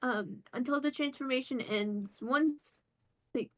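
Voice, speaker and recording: A woman with a fairly high voice talks through her character's abilities in a tabletop game. She stumbles and restarts often. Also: unhurried, fairly bright tone, rough recording. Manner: hesitant, many restarts. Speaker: player. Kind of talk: tabletop role-play chat.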